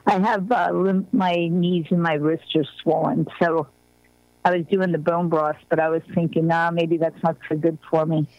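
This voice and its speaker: A woman's voice: lowish voice, steady tone, normal speed, dry recording. A woman calling in on a phone line, asking her questions politely and earnestly. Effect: heard over a phone line. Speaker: caller. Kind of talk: call-in conversation. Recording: muffled phone line with mains hum.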